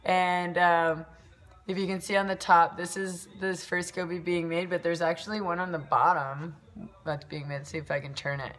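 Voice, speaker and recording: Woman vlogger, rambling casual chat, lowish voice, mild concussion, roomy and off-mic. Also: fairly even intonation, moderate pace, a bit bright, far from the mic. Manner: rambling, chatty, laughs often. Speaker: volleyball coach vlogger. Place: at home, kitchen pantry. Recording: echoey room, off-mic.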